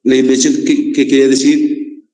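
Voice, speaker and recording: A man's voice: mid-range voice, level tone, normal speed, dark tone. A male teacher giving a class lecture, often asking his students rhetorical questions, with a Bolivian Spanish accent. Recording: echoey room, long reverb.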